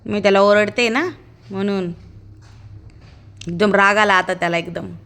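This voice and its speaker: A woman's voice: mid-range voice, steady tone, measured pace, a bit bright. A woman giving a chatty, amused running commentary as a casual vlog voice-over, narrating as the child's aunt.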